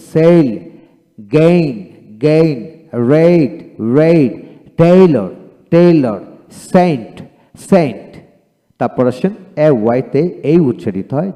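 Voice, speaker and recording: A man teaching English pronunciation, saying each word twice with a louder, higher stress, with a Bangladeshi accent. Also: big-room sound. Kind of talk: pronunciation drill lecture.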